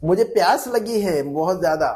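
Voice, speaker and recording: A man's voice: high-pitched, expressive, moderate pace, a little mellow. A male Arabic teacher running a spoken drill, patiently repeating phrases and prompting students by name. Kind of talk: classroom language drill.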